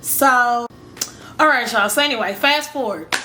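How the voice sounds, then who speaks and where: Bright-voiced chatty woman telling a story. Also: a little high, measured pace, a little hiss or hum. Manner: chatty, rambling, addresses viewers as y'all, acts out her own reactions. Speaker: storytime vlogger. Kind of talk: casual storytelling to camera.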